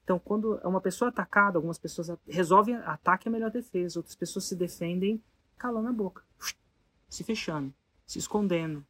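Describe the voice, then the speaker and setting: A speaker, telling a story casually to an audience in an animated way and asking the listeners rhetorical questions. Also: medium pitch, quick pace, no room sound.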